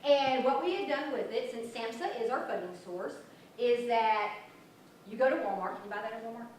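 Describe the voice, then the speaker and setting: A woman's voice: on the high side, normal speed, a little mellow. Woman presenting in an echoey hall. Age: 40s. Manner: chatty, self-deprecating, enthusiastic. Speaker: prevention program presenter. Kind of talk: conference presentation. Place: conference room. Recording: echoey hall from far off, faint noise.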